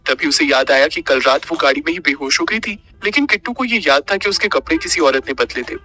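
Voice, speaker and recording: A man narrating an audio story in an expressive storytelling manner. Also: on the high side, fairly quick, faint music behind.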